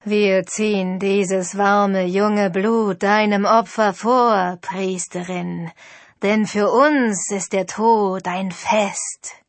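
A woman voicing a slow menacing ghost chorus. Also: mid-range voice, steady tone, no room sound. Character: ghostly chorus of ancient hungry spirits.

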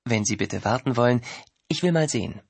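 A man's voice: medium pitch, lively intonation, fairly quick, husky, no echo. A man voicing a polite, formal female secretary answering the phone.

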